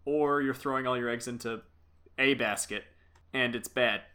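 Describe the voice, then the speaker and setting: A man's voice: medium pitch, steady tone, moderate pace, bright, forceful tone. A man co-hosting a podcast in casual chat, joking and ranting in mock outrage, recorded on a home mic over a voice call. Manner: joking, mock-indignant rants. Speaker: podcast co-host. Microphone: home mic over Discord call.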